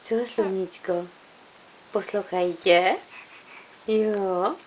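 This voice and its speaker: A woman's voice: mid-range voice, fairly even intonation, a little mellow, a little hiss or hum. A woman talking baby talk to an infant, coaxing him with sing-song questions.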